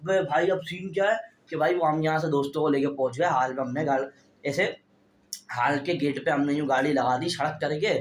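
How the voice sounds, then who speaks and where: A man's voice: a little high, a little fast, slight background noise. Chatty young man with roomy echo. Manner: chatty, keeps addressing viewers as brother; stands talking straight to camera. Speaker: vlogger. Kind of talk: casual storytelling to camera.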